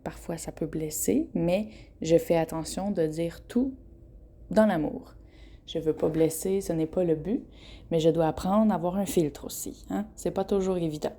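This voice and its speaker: Chatty young Québécoise woman with a mellow voice. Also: fairly low pitch, moderate pace. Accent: Québécois French. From Quebec. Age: 20s. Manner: chatty and frank, laughs often between phrases, stumbles over words. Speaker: podcast host. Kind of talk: casual solo podcast monologue.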